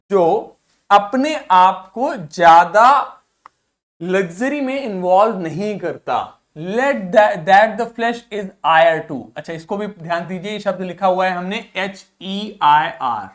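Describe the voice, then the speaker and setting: Teacher, vocabulary lesson, asks and answers own questions, repeats words, spells them out letter by letter, even pitch. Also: unhurried. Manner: explains in Hindi, mixing in English words and read-out English phrases. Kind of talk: recorded vocabulary lesson for school students.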